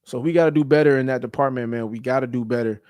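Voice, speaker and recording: A man's voice: medium pitch, steady tone, fast, darkish tone, clear, resonant tone, no room sound. Blunt, emphatic man in a dry room. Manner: blunt, emphatic, preachy, casual profanity. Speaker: podcast host. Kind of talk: motivational monologue.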